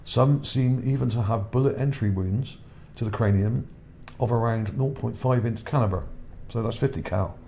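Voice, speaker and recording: With a warm, creaky, mid-range voice, a man talks at a moderate pace with hardly any pauses, his voice beginning to wear out. This channel host rambles over images while reading his article, repeating words and checking in with "okay?", over slight background noise.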